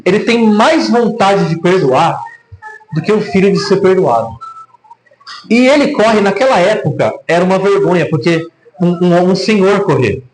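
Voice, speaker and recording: A man with a Brazilian Portuguese accent preaching a sermon, telling a story animatedly with many rhetorical questions, in a church hall. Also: sits high. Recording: echoey room.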